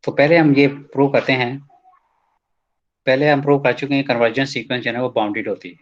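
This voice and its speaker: Man, math teacher, mid pitch, reads textbook slowly, explains casually, mixes English terms into Hindi, lo-fi muffled recording. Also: fairly even intonation. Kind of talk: explaining a proof in a recorded lecture. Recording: dull lo-fi lecture recording.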